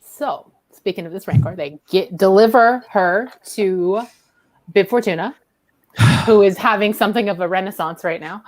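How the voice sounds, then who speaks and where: A woman's voice: medium pitch, normal speed. A woman co-hosting a casual recap podcast, steering the talk in a matter-of-fact way. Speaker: podcast co-host. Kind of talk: casual chat.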